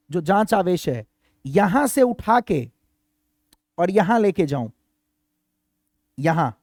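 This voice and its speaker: A man with a high-pitched, darkish voice teaches a physics class, captured in studio quality with no echo. He keeps asking his students questions and acts out the voices of students who might be asking them.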